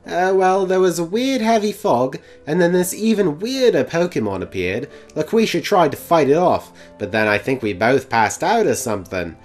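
Man voicing a cocky teen rival, excitable and bouncy, higher pitch. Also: moderate pace, hardly any pauses, faint music behind. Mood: puzzled. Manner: excitable, boastful. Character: eager young male rival trainer, cocky.

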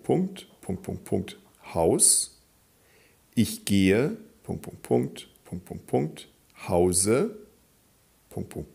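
A man teaches a grammar lesson at an unhurried, deliberate pace. His low voice has a gravelly edge, and his pitch rises and falls widely as he stresses each answer. He reads every sentence out clearly and then says it again. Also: mellow. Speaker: German teacher.

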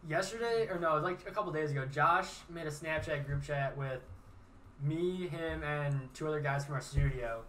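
A man's voice: fairly high pitch, a bit bright. Young man chatting from a distance. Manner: chatty, quick to object. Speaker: podcast co-host. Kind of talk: casual chat. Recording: distant mic, faint room noise.

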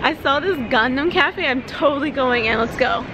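Strolling outdoors through crowded streets, markets, and shops, a twenty-something travel vlogger chats casually to her handheld camera at arm's length. She has a high, animated voice at normal speed, bubbly and filler-heavy with frequent "like", over background music and crowd noise.

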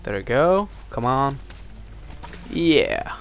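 A young Norwegian man with a Norwegian accent does casual let's-play commentary on a video game he's playing, dropping dry, sarcastic asides. His medium-pitched voice is gravelly and very slow, swinging widely in pitch, with a little hiss or hum.

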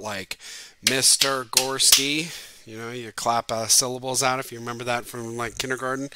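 A man's voice: medium pitch, bright, forceful tone, dry recording. A male teacher chatting through a casual recorded class video, upbeat and playful as he explains the week's assignments.

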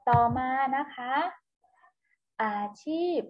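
A woman, a kindergarten teacher, giving a recorded lesson to young children, speaking slowly in a gentle sing-song way and softening nearly every phrase. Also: highs cut off. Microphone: home video recording.

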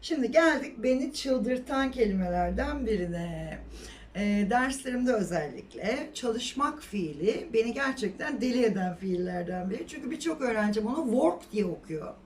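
A woman whose first language is Turkish, teaching English pronunciation in a lively way and repeating words slowly to model them. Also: fairly high pitch, recorded from a distance, a little hiss or hum. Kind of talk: pronunciation lesson.

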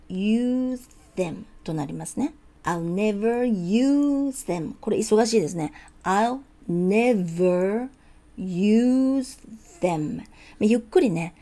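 A woman whose first language is Japanese leads a pronunciation lesson with a warm, mellow voice. She repeats each word patiently and half-sings the lyric lines slowly, in a calm, even register. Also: medium pitch. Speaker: English pronunciation teacher.

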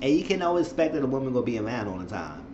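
A man recapping a reality show episode in casual, gossipy commentary, animated and quick to act out what people said. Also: mid-range voice, roomy sound, muffled recording, background noise. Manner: animated, gossipy, acts out the quotes. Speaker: reality TV reviewer.

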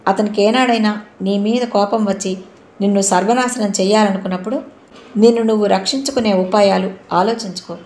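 A woman's voice: mid-range voice, steady tone, brisk, darkish tone, natural voice. Woman reading as a bitter, cutting young man. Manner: sarcastic, warning tone. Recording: roomy echo.

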